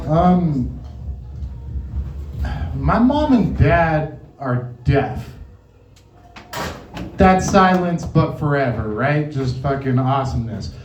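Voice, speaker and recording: A man's voice: a little high, animated, slow, long pauses, slight background noise. A man telling stand-up stories at an open mic in a rambling, casual, sweary way, chuckling as he goes. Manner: chuckles through his own stories. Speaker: amateur stand-up comedian. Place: open mic venue with echo. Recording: muffled, echoey room, distant mic.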